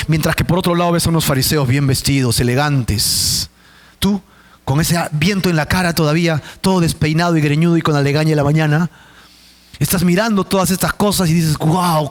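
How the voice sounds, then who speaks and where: Male pastor, higher voice, vivid dramatic sermon delivery. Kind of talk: Bible study sermon.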